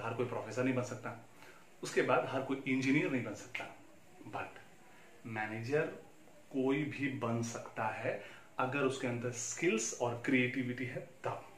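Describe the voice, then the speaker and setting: A man's voice: medium pitch, a bit bright, a little hiss or hum. A man with an Indian accent teaching commerce, lecturing with rhetorical questions and switching between Hindi and English. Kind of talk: classroom lecture. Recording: echoey room, faint ambience.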